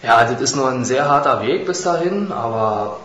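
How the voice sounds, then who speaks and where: A man in his twenties giving a halting, rehearsed self-introduction at a casting interview, in a small room on a handheld mic. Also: medium pitch, expressive, fairly bright tone. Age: 20s. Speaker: model contestant. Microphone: handheld mic held by interviewer. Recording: echoey room, slightly dull, faint hiss.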